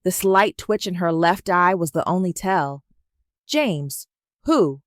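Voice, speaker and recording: A woman in steady, tense scripted first-person narration of a family story. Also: fairly low pitch, moderate pace, no echo, studio quality.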